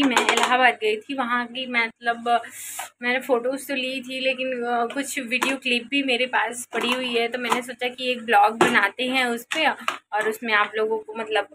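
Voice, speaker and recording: A young adult woman and mother chatting casually in a home vlog, coaxing her baby in a sing-song voice and then rambling relaxed to her viewers. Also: fairly high pitch, moderate pace, very noisy. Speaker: vlogger and mother.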